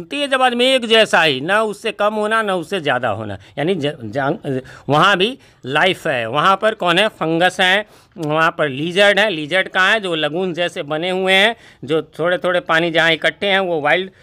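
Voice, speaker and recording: A man teaching who explains a poem line by line, reading the words slowly, then asking and answering his own questions. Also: sits high, bright, forceful tone. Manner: explains slowly, reads English lines word by word. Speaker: English teacher.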